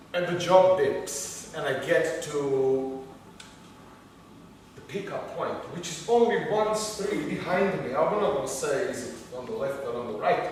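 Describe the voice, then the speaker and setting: A man with a Croatian accent doing live stand-up comedy, halting and repeating words, chuckling at his own jokes. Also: sits high, fairly bright tone. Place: large hall on stage. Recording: echoey hall, distant mic, faint noise.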